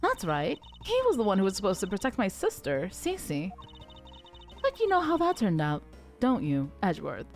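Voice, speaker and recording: A woman's voice: mid-range voice, huge pitch swings, moderate pace, faint music behind. A woman voicing a cheerful, mocking young woman who giggles and teases while reading a game aloud. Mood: breezy. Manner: giggly, teasing.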